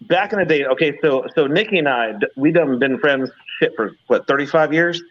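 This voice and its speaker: Man in his fifties, a touch high for a male voice, casual and repetitive, restarting sentences as he tells a story. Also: a little fast, dull audio. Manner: storytelling with frequent stammered restarts. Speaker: panelist. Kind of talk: casual live panel talk.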